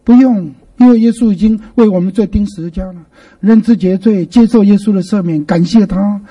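A man preaching as pastor, asking the congregation questions and repeating key words slowly for emphasis. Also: high-pitched, warm tone, recorded from a distance. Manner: asks the congregation questions and answers himself. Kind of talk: sermon.

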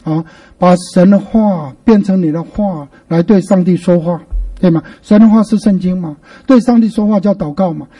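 A man preaching as pastor, asking the congregation questions and repeating key words slowly for emphasis. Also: sits high, warm tone, recorded from a distance. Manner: asks the congregation questions and answers himself. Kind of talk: sermon.

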